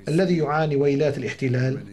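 A man renders a head of state's words in voice-over interpretation, brisk and formal. He speaks quickly, with a voice a little higher than most men. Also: fairly even intonation, a little mellow.

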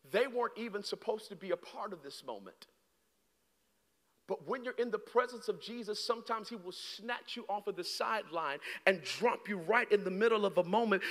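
A man in his thirties preaching a sermon on a large church stage with a handheld mic, swinging from hushed, slow lines to shouted peaks. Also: high voice. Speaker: guest preacher. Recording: long hall reverb.

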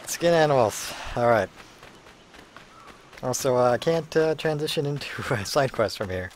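Male let's-play commentator, average pitch, casual and wry, rambling asides over light game ambience. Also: lively intonation, normal speed, a little hiss or hum. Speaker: gameplay commentator.

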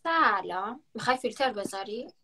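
A woman's voice: on the high side, animated, a crowd in the background. A woman hosting a live stream on her phone, chatting, gossiping and teasing her guests. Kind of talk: casual live-stream chat.

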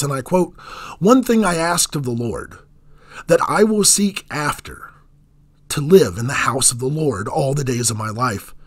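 A man preaching a sermon in an earnest, measured way, letting his voice drop on key phrases. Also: fairly high pitch, slightly rough.

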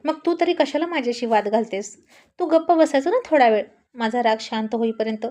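A woman voicing a playful, teasing husband in a told love story, in her own fairly high voice. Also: fairly quick, a little mellow, close to an everyday voice. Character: teasing affectionate husband, adult man.

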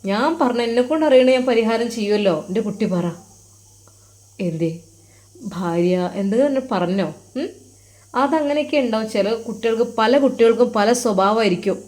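A woman's voice: on the high side, a little fast, darkish tone, close to an everyday voice. A woman voicing a tender old religious teacher. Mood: coaxing. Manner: coaxing, tender, questioning. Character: kindly old male religious teacher, affectionate. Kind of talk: storytelling.

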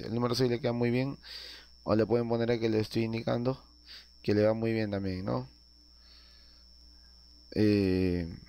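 A man's voice: medium pitch, gravelly, warm tone. A man narrating a casual video game tutorial, explaining each step with frequent filler sounds and tag questions. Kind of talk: casual screen-recorded game tutorial voice-over.

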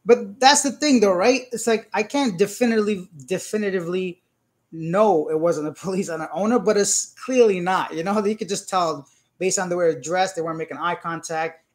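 A man with a slightly higher-than-usual voice hosts a loose live Q&A, retelling his experiences with plenty of "I'm like" quotes. He works his way through viewer comments and greets people as they come in, sounding worked up as he retells a dispute. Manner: animated storytelling with frequent "I'm like" quotes. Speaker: livestream host answering viewer comments. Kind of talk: casual live Q&A chat.

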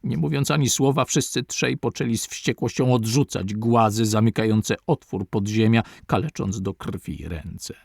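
Gravelly male audiobook narrator. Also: fairly low pitch, a little mellow, dry recording, clean studio sound. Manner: measured literary reading. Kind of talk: reading a classic adventure novel aloud.

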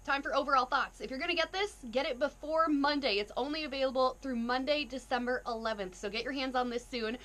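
A young woman speaks in a fairly high voice. She chats casually to the camera like a vlogger giving a review, in an informal conversational way. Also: fast, few pauses, a bit bright. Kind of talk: casual taste-test chat to camera. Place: indoor room, seated.

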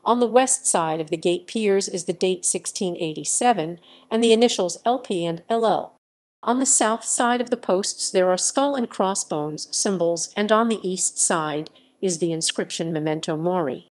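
Lower-voiced woman reading an article aloud. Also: normal speed, a little mellow. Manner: reads symbols and captions literally. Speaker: article reader. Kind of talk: read-aloud encyclopedia narration.

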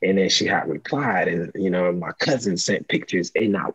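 A man's voice: sits low, normal speed, fairly bright tone, husky, lo-fi sound. A young man from Rwanda hosting an interview over a video call, talking in an upbeat, casual way and laughing often. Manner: upbeat, laughs often, many "you know"s. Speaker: podcast host. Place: small room at home.

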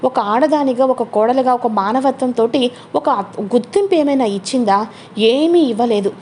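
A woman's voice: on the high side, normal speed, darkish tone, slight background noise, natural voice. Woman voicing an indignant angry father. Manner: pleading, indignant questioning. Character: stern angry father of the family.

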